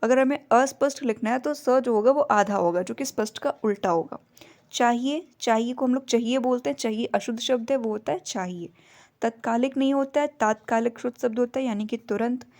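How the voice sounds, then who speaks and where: A woman's voice: a little high, brisk. A woman teaching a Hindi grammar lesson, steadily going through misspelled words and giving the correct spelling of each. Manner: steady, explanatory listing of words. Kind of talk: spoken lesson explaining word spellings.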